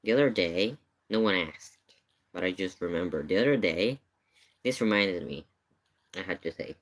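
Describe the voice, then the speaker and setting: A live streamer who reacts to videos chats casually with a deep voice, lively intonation, and a moderate pace. He tells a rambling anecdote, his phrasing hesitant and repetitive.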